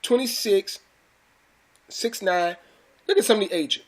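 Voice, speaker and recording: A religious teacher speaks unhurriedly in a high voice. Teaching scripture to his followers, he turns emphatic and preachy, repeating phrases and calling them brothers and sisters.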